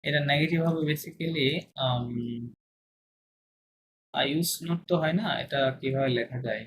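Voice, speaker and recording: A man teaching a language class online, repeating examples slowly and checking with his students as he goes. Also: a little high, low-quality recording. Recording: video call with clear background noise.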